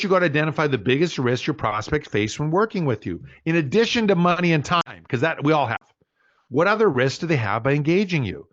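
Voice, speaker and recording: A man's voice: medium pitch, lo-fi sound. A man in his sixties giving a business workshop talk, telling stories and acting out voices with lots of energy. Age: 60s. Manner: animated storyteller, acts out voices. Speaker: business coach.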